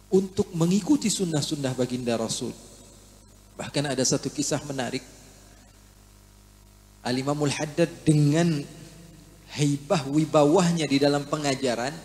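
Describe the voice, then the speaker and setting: A man's voice: on the high side, darkish tone. A man in his thirties from Indonesia, preaching a sermon, telling stories and reciting Arabic scripture with swelling emphasis. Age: 30s.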